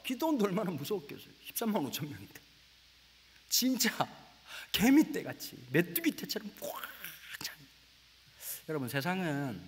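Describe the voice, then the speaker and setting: A middle-aged man preaching a lively comic sermon as a guest pastor in a large church, storytelling with playful dialect bits. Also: high-pitched, long reverb tail, slight background noise. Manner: animated storytelling, slips into rustic dialect voices for laughs; says he talks very fast.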